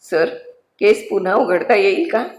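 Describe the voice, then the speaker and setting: एक मध्यमवयीन, दयाळू पण चौकस जेलर, जो हळू आवाजात प्रश्न विचारतो, एका स्त्रीने साकारलेला. आवाजाभोवती खोलीचा घुमारा आहे. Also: female voice, mid-range voice, animated, measured pace, close to an everyday voice. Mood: probing, soft. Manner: questioning, soft. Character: middle-aged male jailer, probing but kind. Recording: roomy echo.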